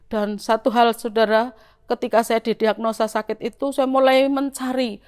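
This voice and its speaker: A middle-aged woman with a Javanese-influenced Indonesian accent, telling her church testimony to the congregation in a lively storytelling way. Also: a little high, normal speed, clear, resonant tone. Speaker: church member giving testimony.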